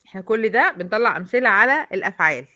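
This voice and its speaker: Egyptian lady teacher, bright sharp voice, keeps quizzing the girls step by step, kinda muffled lo-fi audio. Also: mid-range voice, expressive, very fast. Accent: Egyptian Arabic. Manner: patient, quizzing students step by step. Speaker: Quran recitation teacher. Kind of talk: tajweed lesson to female students.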